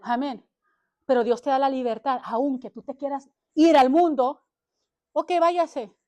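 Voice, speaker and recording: A woman preacher delivers a fervent, exhorting sermon to a church that is also livestreamed to social media, driving each point home and punctuating phrases with "amén." Her high-pitched, darkish voice keeps a steady tone at a measured pace.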